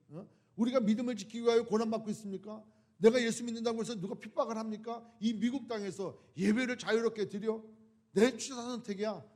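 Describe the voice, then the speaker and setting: A male pastor giving a sermon, full of rhetorical questions, rising to loud appeals and dropping to hushed asides. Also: extremely high pitch. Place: church sanctuary.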